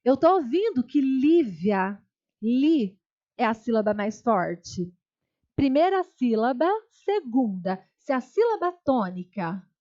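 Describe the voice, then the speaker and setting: A woman's voice: on the high side, a little mellow, muffled recording. A woman with a Brazilian Portuguese accent teaching a grammar lesson for exam prep, explaining step by step, repeating key terms and checking in with her students. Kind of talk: online exam-prep lecture.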